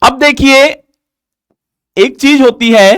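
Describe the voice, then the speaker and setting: Guy teaching a live class, high voice, slow and careful, quizzes then answers himself, dry close sound. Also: smooth, no room sound. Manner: asks questions and answers them himself, drilling; slow, deliberate explaining with an animated pitch. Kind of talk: live online grammar lesson.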